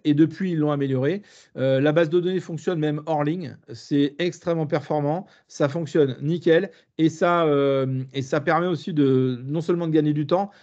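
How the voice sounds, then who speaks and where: A man's voice: fairly high pitch, a little mellow, dull audio. A man with a southern French accent leading a live webinar demonstration as trainer, hesitant with many fillers and restarts.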